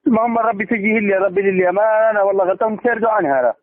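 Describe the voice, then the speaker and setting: An Algerian man argues over the phone in a high voice, firing off words extremely fast. He sounds exasperated and pushy, and the line is thin and tinny. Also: no room sound. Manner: exasperated, insistent, combative. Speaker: caller demanding repayment of a debt. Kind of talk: heated argument over the phone. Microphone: telephone.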